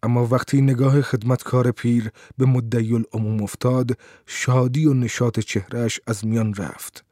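A man narrating a novel as an audiobook, reading in a measured, steady way. His voice is mellow and dark, of medium pitch, and the recording is close and dry. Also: no echo.

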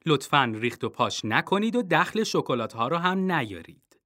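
A man's voice: a little high, sing-song, pushed and bright. A man voicing a fussy mother who snaps at one son and coos at the other in a storybook reading. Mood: soft coaxing.

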